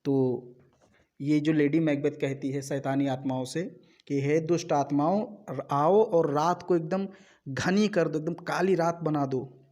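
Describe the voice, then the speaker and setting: Male teacher explaining a play slowly. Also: fairly high pitch, darkish tone. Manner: reads English lines slowly, then explains them at length; repeats words and checks in with "ok". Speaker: literature teacher. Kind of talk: line-by-line lecture explaining a play.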